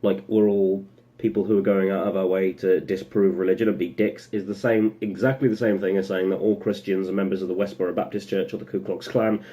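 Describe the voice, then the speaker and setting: Speaking a little fast in a deep, dark voice with little pitch movement, this young man vlogs his casual opinions. His talk wanders, drips with sarcasm and keeps breaking off into self-interrupting asides.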